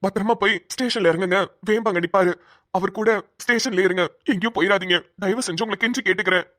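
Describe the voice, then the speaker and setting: A woman's voice: mid-range voice, fast talker, a bit bright, no echo, natural voice. A woman voicing an earnest, protective young male police officer in a cartoon, talking urgently and stammering at times. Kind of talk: cartoon voice acting.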